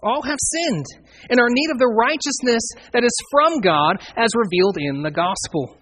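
A man's voice: very high-pitched, lively intonation, moderate pace, a bit bright, a little hiss or hum. A man preaching an expository sermon, earnestly explaining and quoting scripture verse by verse. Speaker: pastor.

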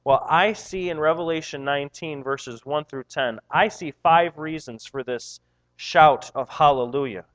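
A man's voice: on the high side, unhurried, fairly bright tone, muffled recording. A man preaching a sermon, reading scripture aloud and explaining it with repetition and rising emphasis. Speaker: pastor.

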